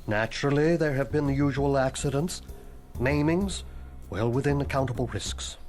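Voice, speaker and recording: In a video game cutscene backed by music, a man voices the ghost of a dead school headmaster, formal and morbidly deadpan with a wry edge, sometimes sinking into a whisper. The light acting uses a medium-pitched voice at a moderate pace.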